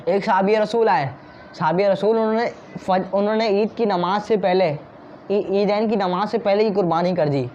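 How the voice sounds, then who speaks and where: A man's voice: sits high, moderate pace, a little mellow, dull audio, a little hiss or hum. A man preaching a devotional sermon with fervour, using rhetorical questions to stir his listeners. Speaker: Islamic preacher.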